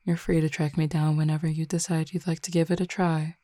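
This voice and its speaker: Coaxing the listener in an audio roleplay, a woman voices a fallen Cupid, a non-human figure who is commanding and teasing. Her low, dark, gravelly voice holds a level tone as she speaks slowly and intimately, with soft whispered passages. The recording is dry and studio quality.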